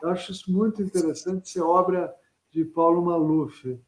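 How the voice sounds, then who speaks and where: A man's voice: sits high, fairly even intonation, normal speed, slight background noise, poor audio. A man hosting a live web interview, chatting casually and restarting his sentences as he goes. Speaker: host interviewer.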